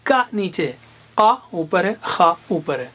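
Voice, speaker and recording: Teaching a Quran recitation lesson in a classroom, a man patiently sounds out letters and syllables one at a time as examples. His voice is high-pitched and a bit bright, with big swings in pitch.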